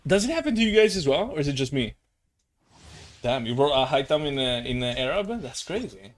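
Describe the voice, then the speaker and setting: With faint music behind him, a young man chats briskly in a sing-song, mid-range voice during a gaming live stream. He rambles in slang, swears readily, and sounds playfully exasperated.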